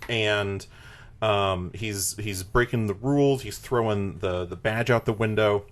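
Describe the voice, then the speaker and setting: A man on a podcast lays out a movie idea in loose casual chat, piling on "like" fillers. His voice sits a bit low and easy. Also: measured pace. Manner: rambling pitch full of "like" fillers. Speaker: podcast host.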